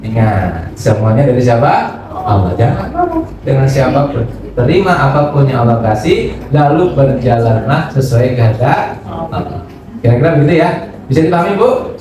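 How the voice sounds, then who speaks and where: A man giving a religious study sermon, lively and acting out examples, often asking his audience questions. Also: medium pitch, moderate pace, pauses often, a crowd in the background. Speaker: Islamic preacher. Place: study gathering room. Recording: echoey room, distant mic, noisy.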